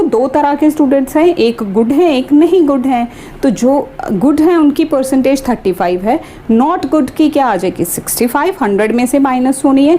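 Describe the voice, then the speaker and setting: A woman math teacher, explaining each step slowly and carefully in a classroom-style lesson. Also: high-pitched, mellow, a little hiss or hum. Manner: slow, deliberate explaining, mixing English terms into Hindi.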